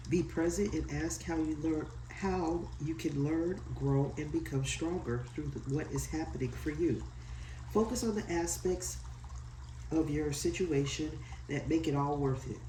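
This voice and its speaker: The speaker is a tarot reader nursing a head cold, nasally stuffed up, who chats loosely, apologizes, and reads from a guidebook. A medium-pitched, warm voice comes through a distant mic in an echoey room with a little hiss or hum.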